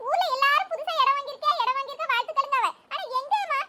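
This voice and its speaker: Very high, chipmunk-like cartoon village women who gossip at a rapid clip. The squeaky voices race along over a loud hiss. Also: female voice. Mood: chatty. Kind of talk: animated cartoon comedy voices.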